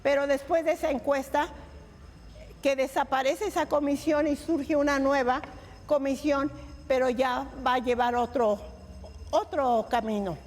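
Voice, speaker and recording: A woman's voice: high-pitched, fairly even intonation, unhurried, a little mellow, big-room sound, rough recording. An older woman preaching in church, telling her own testimony in an earnest, heartfelt way and addressing the congregation as brothers and sisters. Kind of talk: sermon testimony.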